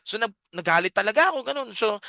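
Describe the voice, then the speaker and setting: Filipino man, middle-aged, casual lay preacher, high voice, dry close sound. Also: expressive, quick pace, creaky, bright, forceful tone, no echo. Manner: storytelling, many rhetorical check-ins. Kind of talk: casual preaching talk mixing Tagalog and English.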